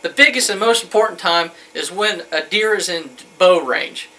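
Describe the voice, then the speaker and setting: Man in his thirties, informal instructor, sharp bright tone, moderately high pitch, colloquial, rambling delivery, indoor camera recording. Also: moderate pace. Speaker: hunting instructor. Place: wood-panelled room indoors.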